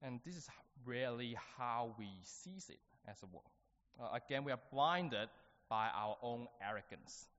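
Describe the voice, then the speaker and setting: A man preaching a sermon to a church, talking haltingly with many fillers and restarts. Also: medium pitch, animated, fairly bright tone. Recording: dull sound with long reverb.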